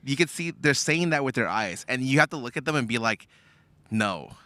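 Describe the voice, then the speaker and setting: A man's voice: medium pitch, lively intonation, fast, pushed and bright, dry recording. A male streamer in casual chat, earnest and a little rambling as he tells stories.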